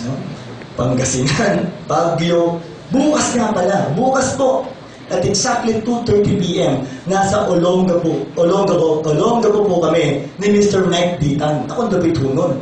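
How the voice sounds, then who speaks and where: A hoarse middle-aged man with a Filipino accent, giving a lively, playful seminar talk and often asking the audience questions. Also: sits high. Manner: energetic, playful, often asks the crowd questions. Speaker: company doctor giving a sales seminar. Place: large seminar hall. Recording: very echoey hall, distant, faint room noise.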